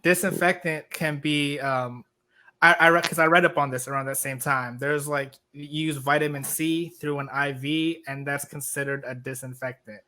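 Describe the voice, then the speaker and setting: A man's voice: a little high, fairly even intonation, moderate pace, pushed and bright. A man co-hosting a podcast in casual chat, rambling with lots of "like". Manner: rambling, uses "like" a lot, laughs while talking. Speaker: podcast co-host.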